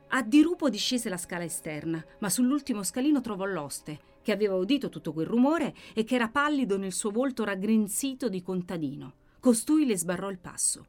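Here a woman narrates an audiobook, bringing a novel to life with dramatic, vivid reading. She is highly expressive, her volume and pitch rising and falling sharply.

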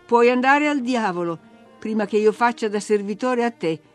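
A woman doing a surly, rough farm lad. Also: high voice, expressive, normal speed, a bit bright, faint music behind, pitched above the performer's own voice. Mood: snarling. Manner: growling, rude.

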